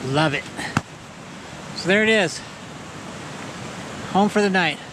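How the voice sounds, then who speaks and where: A man vlogging outdoors in a mountain canyon, talking to the camera in a plain, laid-back way while he sets up camp. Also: high voice. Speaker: hiking vlogger. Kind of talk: casual outdoor vlog narration. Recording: loud rushing water noise. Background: waterfall and stream roar.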